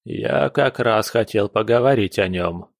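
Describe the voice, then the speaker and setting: A man's voice: fairly low pitch, a little slow, gravelly, no echo, studio quality. A man voicing a stern, commanding aristocratic father at the head of his family.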